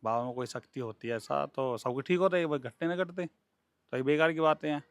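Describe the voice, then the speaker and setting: A man's voice: fairly high pitch, brisk, dry recording. A man, giving plain, blunt answers to a reporter. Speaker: interviewee, son. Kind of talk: field interview answers.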